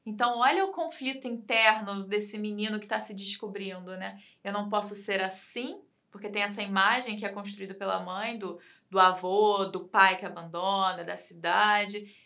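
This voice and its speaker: A woman with a Brazilian Portuguese accent discussing a case on a talk program, reflective and thinking aloud with pauses. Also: mid-range voice, fairly even intonation, gravelly, pushed and bright.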